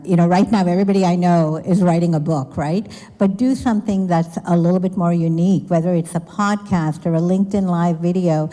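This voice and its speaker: On a business panel, a woman answers a question with candid, joking advice for the audience. Her voice is lowish and mellow, and the event hall is echoey.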